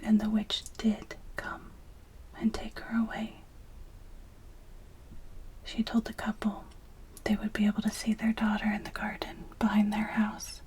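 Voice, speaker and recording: A woman reads a fairytale as ASMR in a breathy, unvoiced whisper, very close to the ear. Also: medium pitch, mellow, low-quality recording. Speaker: storyteller. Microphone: close ear-to-ear microphone.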